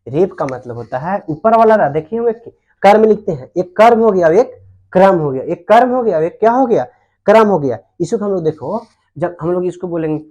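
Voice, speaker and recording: A man's voice: high voice, warm tone, lo-fi sound. A man teaching Hindi grammar at a board, who repeats terms and asks his students questions. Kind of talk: whiteboard grammar lesson.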